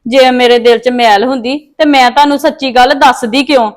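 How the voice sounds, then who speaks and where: A woman's voice: high voice, steady tone, a little fast, close to an everyday voice. A woman playing a remorseful daughter pleading with her mother for forgiveness in a family drama. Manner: pleading, defensive.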